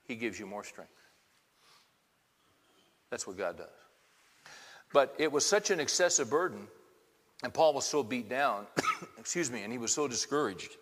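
Expressive and fairly bright, this pastor in his fifties talks at a moderate pace, pausing often, in a medium-pitched voice. He preaches conversationally to a congregation, asking many rhetorical questions as the church hall's long reverb lingers.

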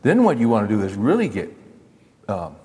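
An older man preaching a sermon, folksy and animated, acting out little dialogues and talking straight to his listeners. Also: lowish voice, fairly quick. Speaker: pastor. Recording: long hall reverb.

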